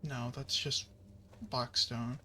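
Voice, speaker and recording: A man talks slowly over his gameplay in a bright, forceful voice, wandering from thought to thought with plenty of fillers. Now and then he swears at the game. A faint hiss of noise sits under the voice. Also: medium pitch, flat delivery. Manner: rambling and chatty, with many fillers and restarts. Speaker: gaming channel host. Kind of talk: casual commentary while playing a video game.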